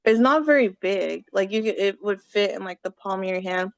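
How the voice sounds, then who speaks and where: The co-host of an informal virtual gathering is a woman with a medium-pitched voice at normal speed. She wanders in her speech and hunts for words on the video call, captured in a dry recording.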